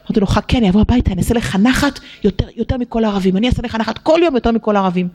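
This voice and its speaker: A middle-aged woman telling a sermon story to girls, leaping high and slow into quoted and prayed lines, tearful at times. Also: mellow. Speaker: religious teacher addressing girls.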